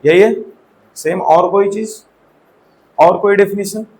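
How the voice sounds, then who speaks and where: A man's voice: high-pitched, slow, a little mellow, a little hiss or hum, low-quality recording. A man teaching a maths lesson in a classroom, often quizzing his students and checking that they follow. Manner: asks the class questions and checks with repeated "theek hai". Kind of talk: classroom lecture.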